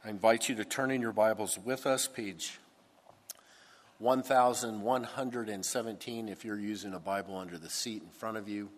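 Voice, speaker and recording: A pastor preaching a sermon into a pulpit microphone, with a deliberate, emphatic delivery. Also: male voice, fairly low pitch, steady tone. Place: church sanctuary. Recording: long church hall reverb.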